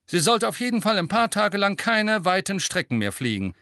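Guy doing a high gruff witch teacher w a pipe, brisk and loud. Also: big pitch swings, no echo, studio quality, exaggerated voice.

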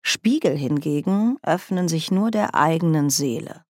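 A woman reading a storybook puts on a proud, scheming sorceress who talks down to everyone. Her falsely friendly tone lifts well above the reader's low voice and swings widely. The recording is dry. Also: animated, unhurried, dry recording. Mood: lecturing. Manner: cool, superior, falsely friendly.

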